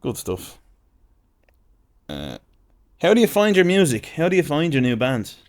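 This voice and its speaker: A man's voice: fairly high pitch, huge pitch swings. Jokey man firing off questions. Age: 30s. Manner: jokey, quick-fire questions. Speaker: podcast host. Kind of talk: casual interview.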